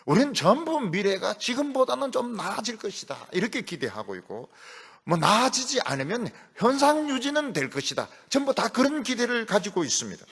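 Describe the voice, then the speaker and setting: Animated Korean preacher, gravelly voice. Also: male voice, high-pitched, normal speed, big-room sound. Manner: animated preaching, rising to shouts when voicing Jesus's rebuke. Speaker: pastor. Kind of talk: sermon. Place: church sanctuary.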